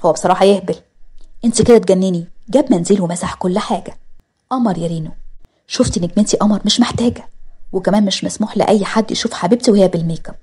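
A woman's voice: mid-range voice, quick pace, dark tone, husky, close to an everyday voice. A woman voicing a strict, protective young husband who firmly forbids his wife's makeup.

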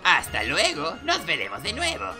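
A woman's voice: on the low side, wildly swooping pitch, normal speed, sharp tone, soft background music, exaggerated voice. A woman voicing a resigned, sinister old furry monster shopkeeper in an amateur game dub, gloomy and mocking. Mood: gloomy resignation.

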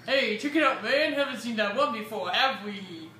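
A woman's voice: a little high, animated, moderate pace, pushed and bright. A woman voicing a laid-back, dim talking flower from a video game, in casual dude slang. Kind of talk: reading video game dialogue aloud. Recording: roomy, distant mic, faint noise.

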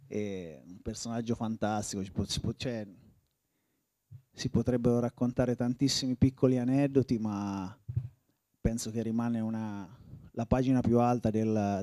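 A man in his forties from Italy, a former footballer reminiscing in an interview, reflective and halting, often restarting his phrases. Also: on the low side, warm tone, dry recording, studio quality.

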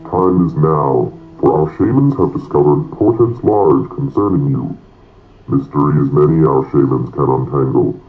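Very low, voice-changed desert envoy, formal, cryptic backwards phrasing, tinny game audio. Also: male voice, measured pace, faint music behind. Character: male desert envoy, formal, odd inverted speech. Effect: processed as if through a voice changer. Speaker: game character.

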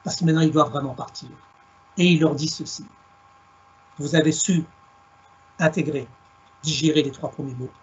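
Calling in by video from a room at home, this middle-aged storyteller from Alsace, France, speaks through a headset as a guest. He is measured and reflective, playing on words, his voice a little high, steady, and slightly rough in a muffled recording.

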